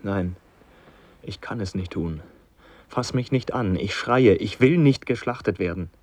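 An actor playing a frightened young son facing sacrifice, speaking in a hushed, hesitant, fearful way in a radio play. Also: male voice, fairly low pitch, unhurried. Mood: pleading. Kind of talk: vintage radio play acting.

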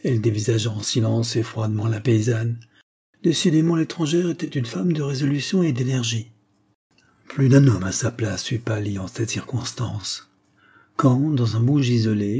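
A man narrating a classic novel as an audiobook in a measured, steady storytelling manner. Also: mid-range voice, slightly rough.

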